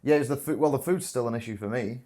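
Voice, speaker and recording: A man's voice: medium pitch, fast talker, mellow. A young man from the UK, chatting bluntly and swearing freely as a guest on a vlog. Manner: blunt, sweary, self-deprecating. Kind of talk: casual chat.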